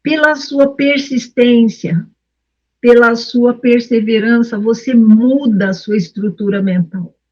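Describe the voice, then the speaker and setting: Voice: medium pitch, slow, highs cut off. An earnest participant in a Bible study group, reflecting personally and addressing the others by name.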